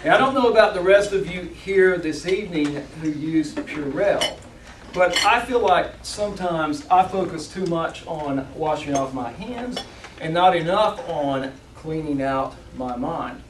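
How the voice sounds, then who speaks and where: A man giving a rehearsed motivational speech to an audience, with deliberate, emphatic phrasing and dramatic pauses. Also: fairly high pitch, expressive. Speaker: competition public speaker. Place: indoor room, speaking to a live audience. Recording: roomy, distant mic, faint background noise.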